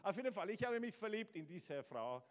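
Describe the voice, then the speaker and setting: This brisk, high-voiced man swings widely in pitch as he preaches with energy to the congregation, frequently tripping over words and starting again. He is a guest pastor from Southern Italy with an Italian accent, giving a lively sermon. The church hall is large, so the audio carries a long reverb.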